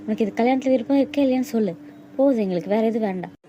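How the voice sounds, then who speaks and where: A woman's voice: fairly high pitch, racing, mellow, dull audio, a little hiss or hum, lightly acted. A middle-aged woman playing a hurt mother who scolds her daughter bitterly. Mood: scolding. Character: angry, hurt mother of the bride.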